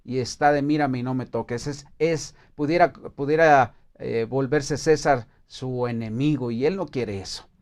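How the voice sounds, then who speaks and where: A man with a Mexican Spanish accent teaching a Bible study in a casual, hesitant way, with many fillers and restarts, reading verses aloud. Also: medium pitch.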